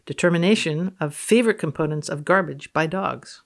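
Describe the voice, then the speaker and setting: A physicist appearing as a podcast guest, this woman has a low, creaky voice and a moderate pace. She does dramatic readings of research and banters dryly and plainly.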